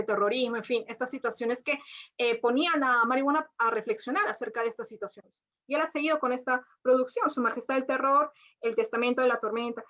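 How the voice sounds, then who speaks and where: Brief: woman lecturer, high voice, muffled lo-fi recording, chatty restarts. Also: fairly bright tone. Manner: frequent tag questions and restarts. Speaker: lecturer on literature. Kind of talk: academic lecture. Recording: dull lo-fi audio.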